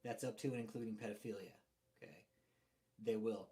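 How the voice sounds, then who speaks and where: A man's voice: lowish voice, steady tone, a little fast. A blunt, profane man hosting a live stream, his voice hollow and distant as if through a tube from a loose mic. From Texas. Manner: blunt, profane, greets chat viewers by name. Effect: sounds like he is talking through a tube, quiet and far off. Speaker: livestream host. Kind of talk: casual live stream commentary. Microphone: desk mic with a loose plug.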